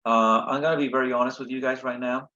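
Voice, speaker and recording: A man with a tired, worn, husky voice gives an informal review lecture as an instructor, haltingly and often checking in with short tag questions. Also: mid-range voice, fairly even intonation, pushed and bright. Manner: halting, frequent checking "okay?" and "right?". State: tired, voice a little shot. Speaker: chemistry instructor. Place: online video session from a computer. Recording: slightly dull lo-fi audio.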